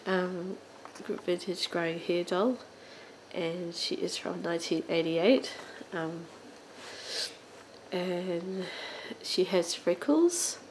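A woman hosting her own doll collecting channel, describing a vintage doll in a casual show-and-tell with many ums and halting pauses, now and then coughing. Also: lowish voice, slight background noise, low-quality recording. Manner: hesitant, many ums and uhs, halting phrasing; occasional coughs. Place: indoors at home, on a sofa.

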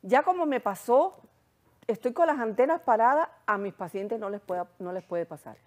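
Woman, Hungarian accent, guest sexologist, animated storyteller, higher voice. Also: moderate pace. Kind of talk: casual chat.

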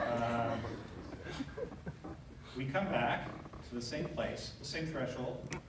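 A man's voice: mid-range voice, big pitch swings, drawn-out words, long pauses, noisy background. Man lecturing in an echoey hall, far off. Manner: conversational storytelling, frequent "uh" and "you know". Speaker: neurosurgeon giving a lecture. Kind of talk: conference talk. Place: large lecture hall, at a lectern. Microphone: audience camera from far back.

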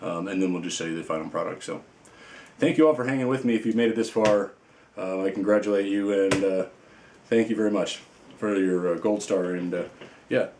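Low-voiced male toy reviewer, loose and playful, rambles freely, roomy reverberant sound. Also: brisk, darkish tone, slight background noise. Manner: rambling and playful, many fillers. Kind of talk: casual unboxing chat.

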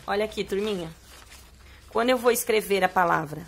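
This young adult woman, a teacher with a Brazilian Portuguese accent, explains words in a poem to young children as she reads, lingering on key words in a slow sing-song. Her mid-range voice is creaky, and there's slight background noise.

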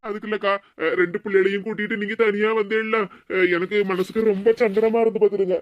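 A woman plays a humble younger man of the family in an animated cartoon, with a southern Tamil Tirunelveli-Kanyakumari accent. He speaks in an apologetic, deferential way. The recording is dry and close. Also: mid-range voice, fast, no echo, highs cut off, lightly acted. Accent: southern Tamil, Tirunelveli-Kanyakumari dialect.

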